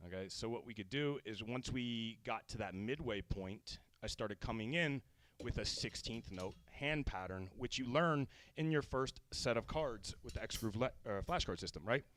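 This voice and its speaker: A man's voice: mid-range voice, moderate pace, a bit bright. A man hosting a casual livestream drum lesson, a little out of breath, greeting chat viewers by name as he explains.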